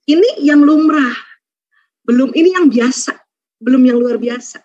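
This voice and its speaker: A woman with a fairly high voice gives a religious talk in a lively, chatty way, breaking into playful acted-out scenes and frequent laughter. The sound is dry and a little dull, like a lo-fi recording. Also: measured pace, no echo. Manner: lively, acts out quoted voices, laughs often. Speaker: speaker at an Islamic study program.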